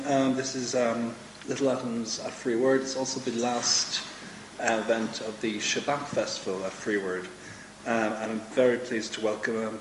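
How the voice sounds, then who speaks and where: Hosting a live talk show event in a hall with an audience, a man introduces a guest hesitantly, with lots of ums. His voice is lowish and a bit bright. The room is echoey with faint ambience, and there's a little hiss or hum.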